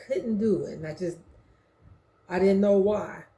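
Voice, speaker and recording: A middle-aged woman frankly telling her own story, in slangy, animated speech that acts out what others said. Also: mid-range voice, unhurried, creaky. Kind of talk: confessional storytelling. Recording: roomy echo.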